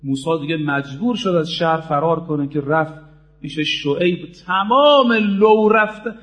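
High-voiced emphatic male preacher. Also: fairly bright tone. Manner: emphatic, addresses the audience directly. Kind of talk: sermon.

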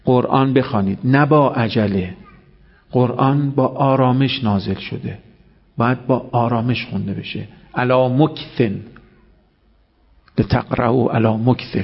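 A man giving a religious sermon, telling stories and acting out the dialogue in lively voices. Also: mid-range voice, gravelly, breathy edge, dull audio. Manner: animated storytelling, acting out dialogue. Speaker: preacher.

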